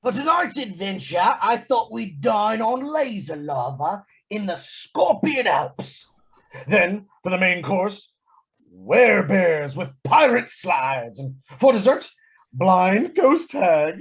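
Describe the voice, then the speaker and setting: A man plays a boyish imaginary friend, husky and breathy, bouncing all over his pitch as he talks. It is an online play reading heard through muffled, lo-fi video-call sound. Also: slow, full character voice. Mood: playful. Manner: lively, swings from playful to desperate. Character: boyish male imaginary friend, wild and playful. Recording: dull lo-fi video call audio.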